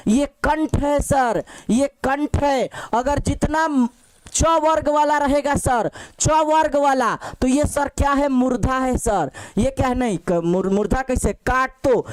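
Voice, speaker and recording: Slow, high-voiced male teacher. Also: clean tone, no echo. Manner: coaxing, repetitive, addresses students as "babu"; counts letters aloud one by one. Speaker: Hindi grammar teacher. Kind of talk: exam-prep lecture.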